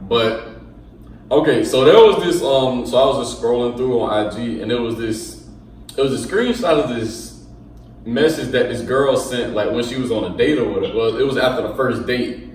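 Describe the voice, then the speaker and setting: A man's voice: medium pitch, normal speed, darkish tone, a little hiss or hum. A man hosting a casual podcast chat, talking loosely in slang and laughing often. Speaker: podcast host. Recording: echoey room, far from the mic.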